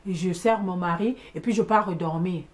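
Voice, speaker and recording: A woman telling a personal story in a casual monologue, emphatic and animated, repeating words for stress and dropping in English exclamations. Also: fairly low pitch, moderate pace. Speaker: vlogger recounting a household conflict.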